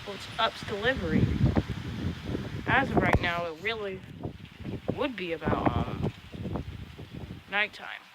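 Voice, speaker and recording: Heavy wind batters the recording throughout. A man with a high voice talks casually to his viewers as an outdoor vlogger. He rambles, repeats himself and keeps an apologetic manner. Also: big pitch swings, unhurried, pauses often. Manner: apologetic, repetitive talk. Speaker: amateur video blogger. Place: outdoors at night in strong wind. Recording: very loud wind noise, outdoors. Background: loud gusting wind.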